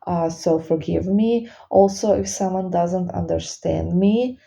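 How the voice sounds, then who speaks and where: A non-native English-speaking woman with a slight lisp from wearing retainers, talking off the cuff and haltingly to her followers, searching for words. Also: lowish voice, creaky, warm tone. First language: not English. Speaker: spiritual reader and spellworker hosting a Q and A. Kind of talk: unscripted casual monologue to followers.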